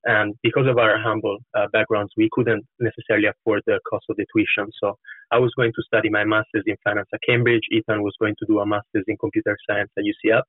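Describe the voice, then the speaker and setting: A man in his twenties from Florence, Italy, talks fast with an Italian accent, earnestly explaining his work as a startup co-founder to a podcast interviewer. His voice is fairly low and his tone level. The sound is roomy and narrow, muffled like a phone call.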